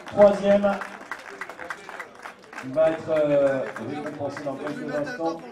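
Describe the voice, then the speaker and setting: A man announcing a race podium live, rallying the crowd and pausing often with hesitations. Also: a little high, flat delivery, mellow, lo-fi sound, a little hiss or hum. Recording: echoey PA sound from far off with music and crowd.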